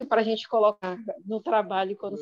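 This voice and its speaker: A woman's voice: medium pitch, little pitch movement, normal speed. A woman presenter replies to feedback in an academic session over an online call, her voice breaking up and dropping out, with hesitant fillers and restarts. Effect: call audio breaking up and dropping out. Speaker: conference presenter. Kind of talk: academic Q&A reply. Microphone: online video call. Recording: dull lo-fi call audio.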